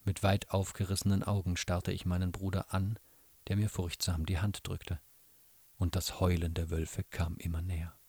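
A man reading a novel aloud in an expressive, dramatic way. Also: deep voice, moderate pace, breathy edge, dry recording. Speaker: reader. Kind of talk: literary reading.

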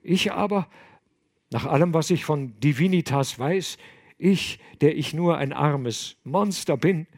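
A man voicing a distraught young man who sobs and reproaches himself in a high, loud lament. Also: unhurried. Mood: anguished. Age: young adult. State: sobbing.

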